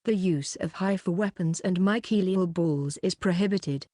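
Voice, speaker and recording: A woman's voice: fairly low pitch, normal speed, mellow, dry recording, clean studio sound, natural voice. A woman reading the lines of a proud, boastful female sumo champion fighter in an audiobook. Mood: confident.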